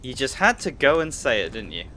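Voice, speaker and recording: An excitable young man on a headset, his bright, sharp-edged voice sitting a little high and leaping up and down as he teases and yelps. A light hiss runs under it. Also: a little fast. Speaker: gamer. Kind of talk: co-op gameplay chat.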